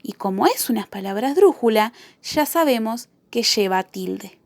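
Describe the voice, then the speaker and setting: A woman teacher giving a spelling lesson to children, repeating each example word slowly and carefully. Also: a little high, animated, creaky, no room sound.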